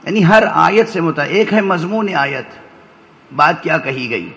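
Man, religious lecture, fairly high pitched, gravelly, explains and asks listeners short questions. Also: expressive, fairly bright tone, poor audio. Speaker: religious scholar addressing a majlis.

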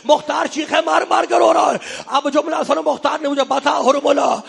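A man delivering an impassioned mourning sermon, half chanting and crying out in sing-song wails that rise to shouts. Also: very high voice, little pitch movement, gravelly. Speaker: preacher reciting a mourning sermon. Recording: long hall reverb with faint crowd.

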